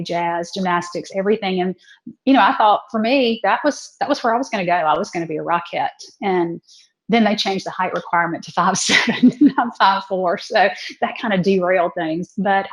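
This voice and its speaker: A woman's voice: on the low side, moderate pace, low-quality recording. A woman, telling her story in a casual interview and acting out quoted lines. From South Georgia, USA. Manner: lively storyteller who acts out quoted lines. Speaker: TV cooking show host, guest.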